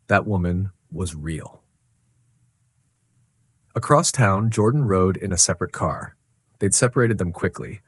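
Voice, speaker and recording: Deep-voiced male narrator, husky and dry, steady scripted storytelling. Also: no room sound.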